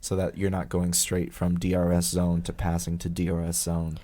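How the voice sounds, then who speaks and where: A man with a very low, deep voice talks in easy, laid-back chat as a podcast co-host. He laughs often and repeats his partner's phrases back. The sound is close and dry. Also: monotone, moderate pace, mellow, no echo. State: recovering from a cold. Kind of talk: casual chat.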